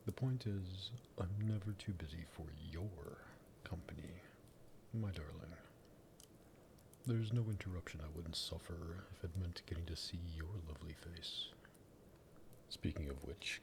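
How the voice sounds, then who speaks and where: A man takes on the role of a sadistic vampire master, possessive and teasing with courteous menace, in an ASMR roleplay. The low-pitched voice is breathy and gravelly, heard over background noise.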